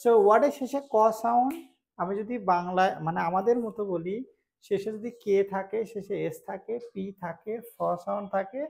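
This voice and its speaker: A woman with a Bangladeshi accent teaching English pronunciation, explaining slowly, repeating each word and asking if it is clear. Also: medium pitch, darkish tone. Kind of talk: spoken English lesson.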